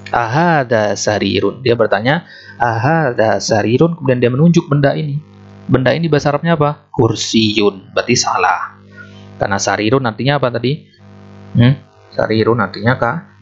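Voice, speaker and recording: Guy teaching a beginner class, patient, spells letters out one by one, some fry in his voice, kinda dull lo-fi sound. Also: medium pitch. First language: Indonesian. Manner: patient, repeats words, spells letters aloud slowly. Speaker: Arabic teacher. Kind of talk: step-by-step language lesson. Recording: muffled lo-fi recording with faint music.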